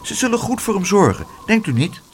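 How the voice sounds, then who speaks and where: A man voicing a gentle, earnest young boy who pleads reasonably. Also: high-pitched, big pitch swings, fairly quick, a little hiss or hum, pitched above the performer's own voice. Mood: pleading.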